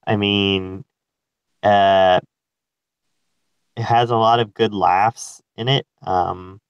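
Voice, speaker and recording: A man's voice: fairly low pitch, steady tone, extremely slow, clear, resonant tone, no room sound, highs cut off. A young man co-hosting a casual movie podcast, speaking hesitantly with many fillers and a dry sense of humor. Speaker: podcast co-host.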